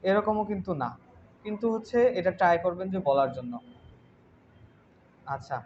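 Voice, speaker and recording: A man teaching an online English class, patient, slowly spelling out English examples. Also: high voice, expressive, lo-fi sound, slight background noise. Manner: patient, checks in with "ঠিক আছে?"; slow, drawn-out English examples.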